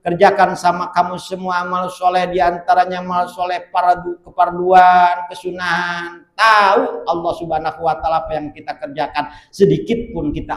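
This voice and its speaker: Preacher, male, high voice, lively storyteller, roomy echo. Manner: animated, shouts and voices characters in stories. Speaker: Islamic preacher. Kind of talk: sermon with acted storytelling.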